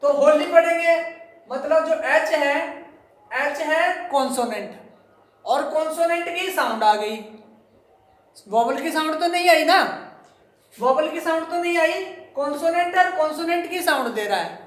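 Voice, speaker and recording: A man teaching English grammar to students, repeating words slowly and speaking to the class directly. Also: very high voice, expressive, a bit bright. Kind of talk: classroom lesson explaining to students. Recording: very echoey room.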